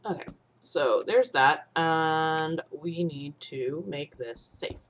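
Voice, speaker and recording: A woman's voice: low-pitched, slow, a little hiss or hum. A young woman from the Midwest streaming a game, rambling and swearing freely. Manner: rambling, swears freely, sudden panicked outbursts. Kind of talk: casual gaming stream chat.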